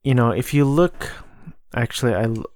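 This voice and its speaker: Monotone man with vocal fry. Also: normal speed, no echo. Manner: monotone, low-energy delivery; hesitant, stammering with repeated words. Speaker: podcast host. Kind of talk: casual solo podcast talk about video games.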